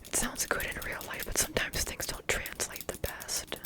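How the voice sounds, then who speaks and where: A woman speaking in a soft, breathy, unhurried whisper as she demonstrates nail tapping for ASMR. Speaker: ASMR creator.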